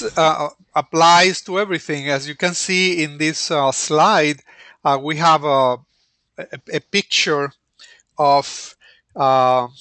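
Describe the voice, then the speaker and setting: A man giving an online lecture, hesitant and full of pauses and restarts. His voice sits a little high and sounds bright and forceful. The sound is dry and close, with no room echo. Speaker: instructor.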